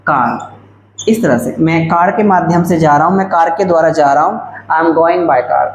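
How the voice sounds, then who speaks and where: A man teaching English grammar in a lecture, dictating example sentences slowly word by word. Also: high voice. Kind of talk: classroom-style video lecture. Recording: echoey room, faint background hum.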